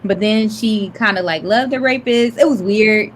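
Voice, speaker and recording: A young woman from Detroit, an author appearing as a podcast guest, chats casually in a high, light voice at normal speed. She's laid-back and giggly, with lots of "like" and "um." A faint hiss runs under the recording.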